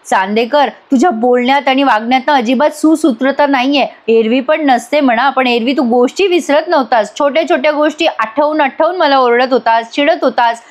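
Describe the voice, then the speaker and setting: A woman voicing a sharp-tongued young wife who needles her husband mockingly. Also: high-pitched, moderate pace, hardly any pauses, lightly acted. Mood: teasing.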